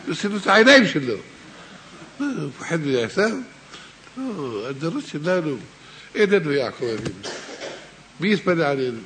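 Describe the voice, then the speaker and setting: A man preaching a Torah sermon and telling a parable, swinging between hushed and raised delivery, addressing his listeners directly. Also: a little high, sing-song, pauses often, a little hiss or hum.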